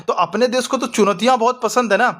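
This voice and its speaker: A man with a high, light voice teaches an exam revision lesson. He keeps asking his students quick questions and answers them himself. His tone is chatty and informal, and he calls his listeners "brother". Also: fairly bright tone. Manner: chatty, addresses students as bhai.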